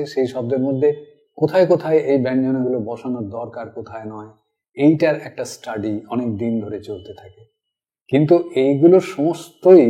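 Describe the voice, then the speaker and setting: A man's voice: mid-range voice, highs cut off. Man teaching recitation by demonstration. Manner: explains calmly, then acts out words with hushed or dramatic delivery.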